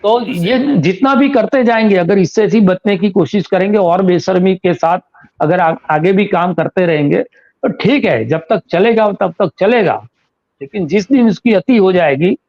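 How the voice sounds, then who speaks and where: A man's voice: high-pitched, moderate pace. A man speaking as a political analyst in an interview, making his case with pointed rhetorical questions. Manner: argumentative, fires rhetorical questions. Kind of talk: interview commentary. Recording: slightly dull lo-fi audio.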